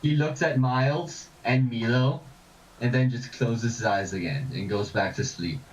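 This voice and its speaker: A man's voice: medium pitch, unhurried, roomy sound, muffled recording. A man running a tabletop game as game master, describing scenes and building suspense. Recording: distant mic.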